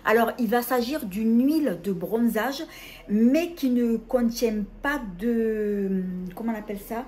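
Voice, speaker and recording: A woman's voice: fairly high pitch, unhurried, darkish tone, a little hiss or hum. A middle-aged woman presenting a casual beauty haul, talking hesitantly with many fillers and restarts. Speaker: beauty vlogger.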